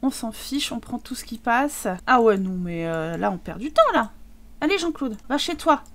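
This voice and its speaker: A woman's voice: fairly high pitch, very animated, moderate pace, fairly bright tone. A woman giving casual, joking commentary over a life-simulation game and talking to the characters. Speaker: gaming streamer.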